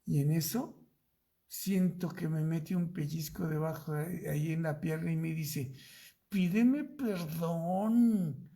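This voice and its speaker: Slow gravelly Mexican pastor. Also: male voice, a little high, little pitch movement, mellow. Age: middle-aged. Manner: slow, drawn-out storytelling with acted-out dialogue. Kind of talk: storytelling Bible study sermon.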